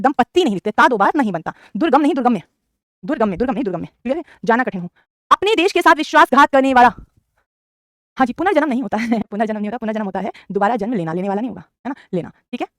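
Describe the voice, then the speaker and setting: A woman's voice: on the high side, dry recording, clean studio sound. A woman teaching Hindi grammar in a live online class, asking questions and repeating each answer, calling her students "beta".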